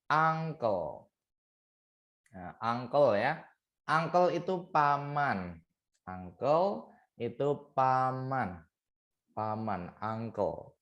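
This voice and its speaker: Slow, sing-song male language tutor. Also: mid-range voice, a bit bright. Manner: drills each word by slow repetition; mixes English words into teaching talk. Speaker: English tutor. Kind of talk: online vocabulary lesson.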